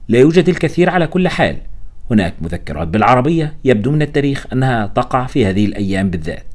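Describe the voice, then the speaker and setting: A man's voice: mid-range voice, very animated, very fast. A man giving a tense, dramatic audiobook narration of a first-person story.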